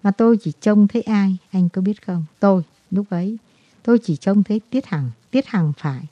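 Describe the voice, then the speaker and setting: Storybook figure: broken, guilt-ridden man, halting confessions, read by a woman in a dry, dull take. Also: mid-range voice, warm tone, no room sound, natural voice. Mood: confessional.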